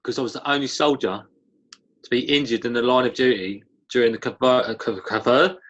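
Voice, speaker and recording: A man chatting casually in a hesitant, halting way. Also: mid-range voice, a bit bright, muffled recording. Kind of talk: casual chat.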